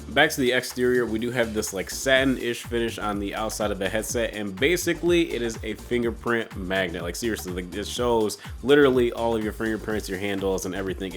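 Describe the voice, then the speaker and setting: A man with a sick, stuffy-nosed voice hosting a casual, conversational tech product review. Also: on the low side. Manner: informal, conversational delivery.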